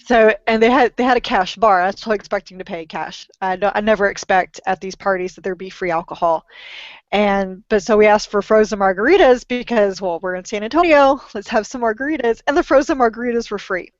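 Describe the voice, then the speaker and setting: A woman's voice: mid-range voice, brisk, no room sound, dull audio. A middle-aged woman with a lingering cough, telling stories in a chatty, self-mocking way as a podcast co-host. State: lingering cough after illness. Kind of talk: casual chat.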